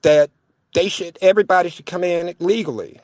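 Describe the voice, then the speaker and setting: A man's voice: high voice, brisk, darkish tone, no echo, studio quality. A man calling into a talk show, sounding muffled as if heard through a wall, talking in a heated, complaining way and repeating himself. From United States. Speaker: caller. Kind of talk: call-in talk show caller.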